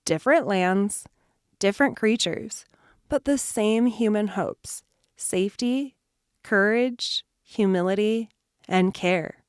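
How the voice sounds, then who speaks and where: A woman narrating a children's campfire story, soothing and slow, with whispered parts and call-and-response. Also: medium pitch, clear, resonant tone, dry recording, clean studio sound.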